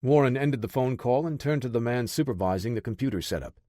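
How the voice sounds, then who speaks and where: A man narrating an action audiobook in a steady, dramatic storytelling manner. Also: mid-range voice, quick pace, dry recording, clean studio sound. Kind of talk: scripted narration.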